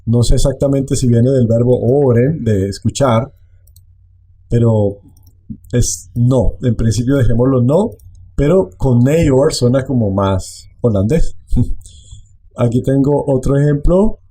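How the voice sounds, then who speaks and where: A man teaching a language online, explaining slowly and repeating phrases. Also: mid-range voice, mellow.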